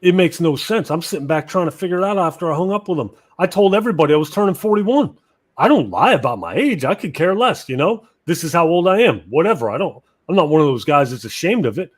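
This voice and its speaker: A man's voice: on the high side, big pitch swings, quick pace. Podcast guest, male, forties, laid-back rambling talker. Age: 40s. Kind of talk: casual chat.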